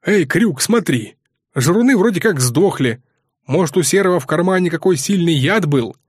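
A man's voice: a little high, lively intonation, normal speed, husky, dry recording, voice pushed up. A dim, cowardly young soldier, voiced by a male audiobook narrator. He whines and stammers in a lifted, tearful voice. The sound is dry and close. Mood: excited.

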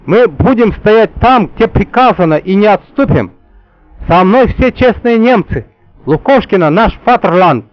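A man's voice: sits high, lively intonation, a little slow, dry recording, lo-fi sound, soft background music, pitched above the performer's own voice. Barking German ambassador, as a male narrator puts him on. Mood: barking zeal. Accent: put-on German. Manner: barking, loud, parade-ground. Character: blustering German male ambassador, military zeal.

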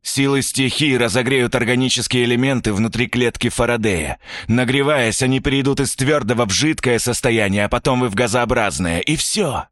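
A man voicing a cynical, arrogant young male villain inventor who mocks his captives in a slow, menacing drawl. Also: mid-range voice, fairly bright tone, no room sound, clean studio sound, voice pushed up, natural voice. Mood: smug. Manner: gloating, mocking, drawn-out menacing delivery.

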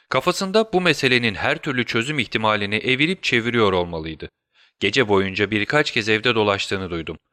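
A man narrating a detective story as an audiobook in a measured, even storytelling manner. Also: mid-range voice, dry recording, clean studio sound. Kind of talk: scripted narration.

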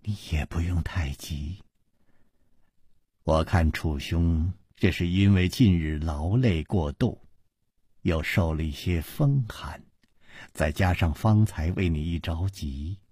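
A gentle young woman speaks softly and soothingly, as a male storyteller puts her on. The voice stays low and husky, with a slow, easy pace. The sound is dry and close. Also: very animated, no echo, heavily acted. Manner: soft, soothing. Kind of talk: traditional storytelling.

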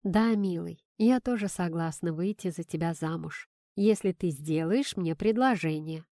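A woman voicing a calm, cheerful older woman who speaks warmly. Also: lowish voice, a little slow, dry recording, clean studio sound. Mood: gentle.

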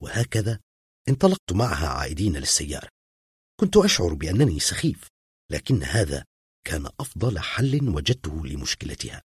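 A man reading a story aloud in the first person with an expressive, dramatic delivery and a husky voice. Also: extremely low pitch, fairly quick, no room sound, clean studio sound. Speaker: narrator. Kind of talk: audiobook reading.

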